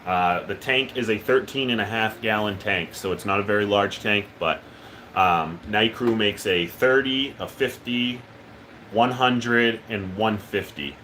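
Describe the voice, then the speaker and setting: Slight background noise accompanies a man hosting a live stream in a fairly low voice at a measured pace. Relaxed and rambling, he works through the chat with many ums and uhs.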